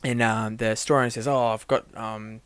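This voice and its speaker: This young church employee, who also co-hosts a podcast, speaks at normal speed in a smooth, lowish voice on a dry recording. He's laid-back, spinning out a long, meandering joke full of fillers and false starts.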